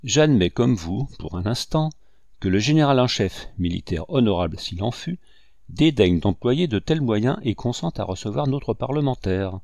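A man voicing a proud, bitter rebel commander who speaks in solemn, measured oratory. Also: medium pitch, lively intonation, creaky, darkish tone, no room sound. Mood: grave, persuasive.

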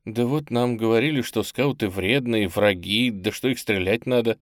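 A man reading an audiobook, voicing an eager, blunt young pioneer boy with lively, slangy speech. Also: on the low side, moderate pace, dry recording, clean studio sound, natural voice. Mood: earnest.

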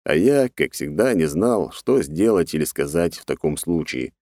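A man narrating a first-person fantasy audiobook in a sardonic, rough-edged, casually swearing manner. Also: a bass voice, expressive, normal speed, mellow, dry recording, studio quality.

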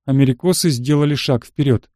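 A man's voice: medium pitch, fairly quick, dark tone, no room sound, clean studio sound. A man reading a first-person action story aloud in a terse, matter-of-fact manner. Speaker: audiobook narrator. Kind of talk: scripted first-person narration.

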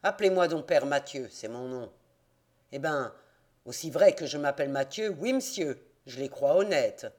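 A man reading an audiobook, voicing a gruff, hostile male innkeeper in the countryside who growls his words in rustic speech. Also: a little high, lively intonation, moderate pace, darkish tone, natural voice.

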